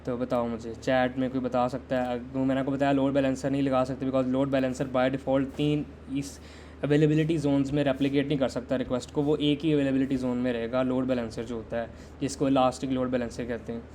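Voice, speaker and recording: A man's voice: medium pitch, a little mellow, a little hiss or hum. A man teaching a live-streamed system design lesson in a conversational way, quizzing viewers and waiting for answers in the chat. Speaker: tech instructor.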